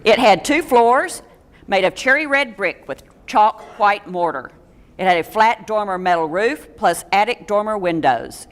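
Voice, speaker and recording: A woman's voice: mid-range voice, lively intonation, measured pace, in a large hall. A woman giving a local history talk to an audience in a meeting room, reading steadily from notes with small stumbles and dry asides.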